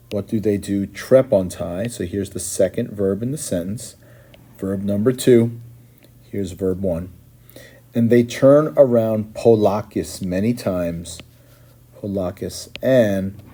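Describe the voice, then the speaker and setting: Slow, dark-voiced male teacher. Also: on the low side. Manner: patient, explanatory, often checks in with "right?". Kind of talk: classroom explanation, translating line by line.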